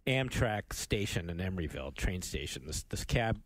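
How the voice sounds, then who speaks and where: A man's voice: low-pitched, normal speed, no room sound. A man hosting a casual podcast chat, telling a story with lots of laughs. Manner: animated storyteller, laughs often. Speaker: podcast host.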